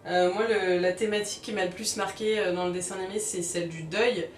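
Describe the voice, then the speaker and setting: A woman's voice: medium pitch, fairly even intonation, brisk, slight background noise. A woman hosting a film review vlog, speaking in a conversational, explanatory style. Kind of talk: film review, part scripted narration, part casual chat. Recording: roomy, distant mic, faint music.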